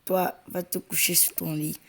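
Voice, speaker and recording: A woman's voice: lowish voice, little pitch movement, moderate pace. A woman chattily narrating her own role-play video. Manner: chatty, playful. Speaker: video creator.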